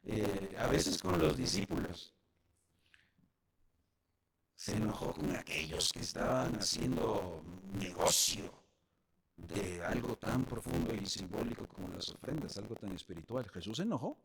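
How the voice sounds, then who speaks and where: A man's voice: lowish voice, very animated, a little slow, creaky, husky. A man preaching a sermon as pastor, speaking directly to the congregation.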